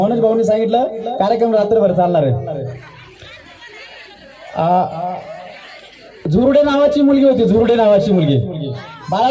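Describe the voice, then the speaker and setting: Man, high voice, mellow tone, declamatory orator, faint crowd behind. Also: lo-fi sound. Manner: declamatory, leads crowd chants. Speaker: public speaker on history. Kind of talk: fiery stage speech.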